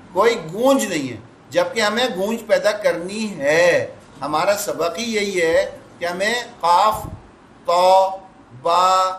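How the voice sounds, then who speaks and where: A man's voice: sits high, a bit bright. A man teaching a tajweed class, patiently repeating key points and answering his own questions. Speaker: Quran recitation teacher. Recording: echoey room with faint background noise.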